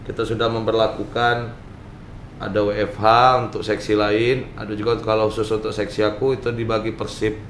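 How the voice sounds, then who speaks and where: A man's voice: fairly low pitch, little pitch movement, fairly quick. A man with a Palembang accent hosting a casual chat in a jovial, colloquial way, his voice slightly muffled through a face mask. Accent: Palembang, South Sumatra. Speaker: podcast host. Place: indoor office room. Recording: echoey room with faint noise.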